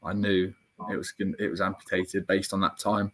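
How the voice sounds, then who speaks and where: Low-voiced young man recounting candidly. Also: flat delivery, normal speed, a bit bright. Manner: reflective and candid, with frequent fillers and restarts. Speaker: interview guest. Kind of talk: personal storytelling in an interview.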